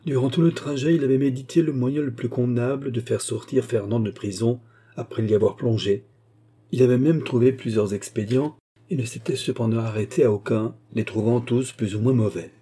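A man narrating a classic novel as an audiobook in steady, measured storytelling. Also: medium pitch, husky.

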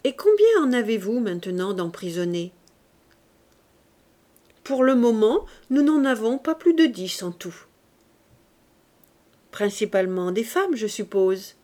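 A woman reading a classic tale aloud as an audiobook narrator, slow and measured, giving the characters' dialogue its own delivery. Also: on the high side, sing-song, dark tone. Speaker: audiobook reader. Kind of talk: scripted narration.

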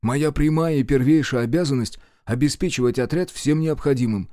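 A man voicing a sly, fussy, short army quartermaster who talks in an excitable, wheedling way. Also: medium pitch, brisk, no echo, clean studio sound, pitched above the performer's own voice, natural voice.

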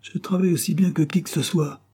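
A man voicing an irritable, lanky glove worker who shouts angrily in a storybook reading. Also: fairly high pitch, steady tone, fast, husky, pitched above the performer's own voice. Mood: angry. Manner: angry, shouting.

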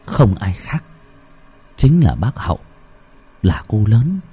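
A man with a low, husky voice tells a ghost story with lots of suspense. His pitch swings widely for drama, and soft music plays underneath. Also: slow. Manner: expressive, suspenseful. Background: soft background music.

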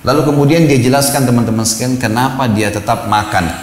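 A man's voice: mid-range voice, fast. A man preaching an Islamic sermon, telling a story and quoting Arabic verses, often asking his listeners "right?". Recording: echoey hall with long reverb.

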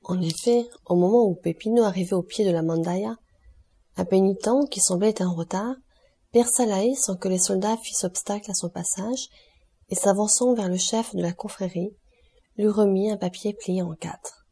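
A woman narrating a classic novel as an audiobook, in a measured, expressive reading. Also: mid-range voice, breathy edge.

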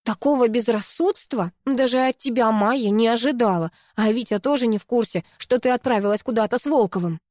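A woman reading a story and voicing an exasperated young woman scolding her best friend in a sharp, indignant way. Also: on the high side, a little fast, hardly any pauses, no room sound, clean studio sound, lightly acted.

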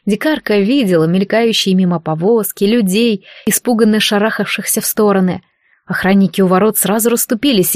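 A woman narrating a fantasy novel in a measured, even storytelling manner, recorded on a close microphone. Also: mid-range voice, no room sound. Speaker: audiobook narrator.

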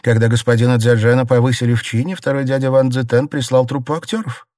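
A man reading aloud voices a proud, sharp-tongued young noblewoman who runs a grand household, raising his voice and speaking bitterly. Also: mid-range voice, fairly even intonation, fast, no room sound, clean studio sound, pitched above the performer's own voice, natural voice. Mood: arguing. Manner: imperious, bitter, scolding.

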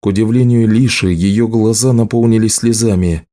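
A man reading an audiobook as narrator, in a measured, even way. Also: lowish voice.

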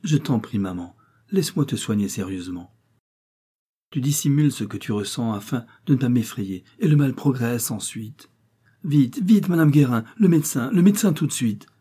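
A man's voice: mid-range voice, normal speed, warm tone, husky. A man reading aloud and voicing an anxious, devoted young woman student who speaks in urgent, fretful pleas.

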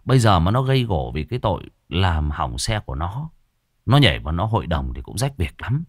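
Expressive low-voiced male storyteller. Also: a little fast, no room sound, clean studio sound. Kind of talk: ghost story narration.

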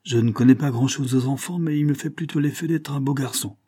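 A man's voice: medium pitch, dark tone, husky, no echo, pitched above the performer's own voice, natural voice. Man voicing a dry, curt old lawyer. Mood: cool. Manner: curt, cold and measured. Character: dry, cutting old English family lawyer.

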